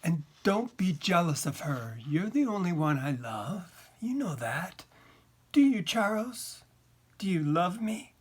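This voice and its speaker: A man's voice: a little high, big pitch swings, unhurried, hardly any pauses, breathy edge, exaggerated voice. A man voicing a hurt middle-aged wife in a read-aloud story, pleading and emotional. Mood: tearful.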